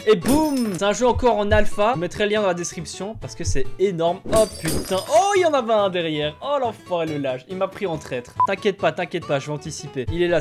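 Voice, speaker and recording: A young man in his twenties hosts a gaming video in a high voice. His commentary is animated and slangy, full of exclamations and swearing. Music plays behind him. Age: 20s. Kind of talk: excited let's-play commentary. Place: small room at home.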